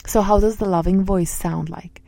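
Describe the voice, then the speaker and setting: A woman in her thirties, a coach, speaking softly and earnestly about her own experience, at times voicing inner thoughts. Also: medium pitch, fairly even intonation, moderate pace, dry recording. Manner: soft-spoken, earnest, acts out inner voices. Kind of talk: reflective personal talk.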